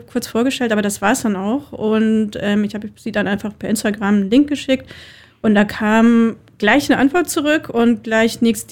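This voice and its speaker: A woman music producer telling a story in a relaxed, chatty way during a radio interview. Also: fairly high pitch. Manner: relaxed, chatty, many fillers. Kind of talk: casual interview talk.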